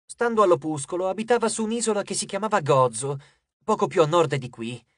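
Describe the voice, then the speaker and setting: A narrator voicing a calm, matter-of-fact teenage boy in an audiobook. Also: medium pitch, a little fast, no room sound, clean studio sound, lightly acted. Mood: pacato.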